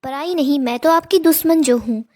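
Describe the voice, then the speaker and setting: A woman's voice: sits high, moderate pace, darkish tone, natural voice. A woman reading the lines of a resentful young woman who feels left out, in a drama recap. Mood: bitter. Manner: bitter, sulky.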